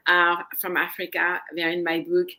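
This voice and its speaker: A woman guest on a talk show, speaking earnestly and gently in casual conversation and often repeating her phrases. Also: lowish voice, completely flat delivery, moderate pace. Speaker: guest psychologist. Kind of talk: casual interview chat.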